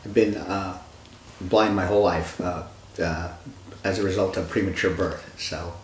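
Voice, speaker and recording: A man from California, an attorney on a panel, speaking calmly and evenly, letting phrases trail off. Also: sits low, a little slow, slight background noise. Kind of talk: casual panel conversation. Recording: echoey room.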